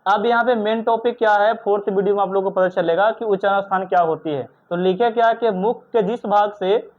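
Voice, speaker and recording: A stern male teacher in a classroom drills his students with repeated questions and sharp scolding. His voice sits high for a man. The sound is thin and tinny, like a phone line. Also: fairly quick. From India. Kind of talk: classroom grammar lesson.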